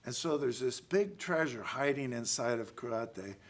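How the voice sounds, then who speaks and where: An American man speaking as a karate instructor in a halting lecture, often pausing to check in with "right?". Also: medium pitch, expressive. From United States. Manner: halting, with pauses and frequent "right?" check-ins. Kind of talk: spoken class lecture.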